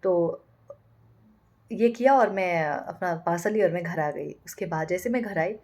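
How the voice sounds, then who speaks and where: A woman's voice: lowish voice, unhurried, darkish tone. A young woman, a manifestation coach, talking casually and directly to the viewer, sprinkling in English words. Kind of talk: casual spiritual advice talk.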